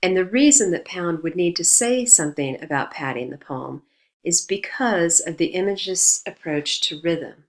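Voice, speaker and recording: A woman teaching a recorded lesson on poetry, explaining in a measured way and reading quotations aloud. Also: on the low side.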